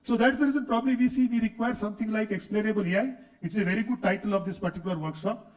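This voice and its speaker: Rapid-fire and high-voiced, a middle-aged man with an Indian English accent lectures a room of faculty as a guest speaker. He has a cold that leaves his voice unclear, keeps things chatty, asks the audience questions, and says "okay" frequently. Captured in an echoey lecture hall, he is far from the microphone.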